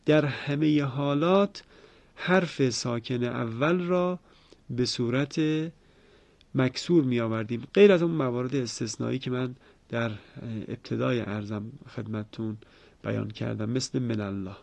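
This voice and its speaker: A man teaching the rules of Quran recitation in a formal lecture, explaining at a measured pace and slowing down to recite examples. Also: mid-range voice, creaky, darkish tone, no room sound. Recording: dull dry lo-fi recording.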